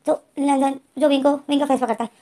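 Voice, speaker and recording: Woman, Hindi accent, casual story retelling, quotes the characters herself, slightly high pitch, warm mellow tone. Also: fairly even intonation, fast. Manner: retells the plot, quoting both characters' lines in her own voice; addresses listeners directly.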